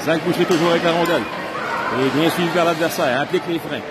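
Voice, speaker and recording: A man with a Quebec French accent giving excited live hockey commentary, following the play in short phrases with his voice rising at chances. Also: a little high, fast talker. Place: at a hockey game, in the arena. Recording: noisy rink, loud crowd and ambience.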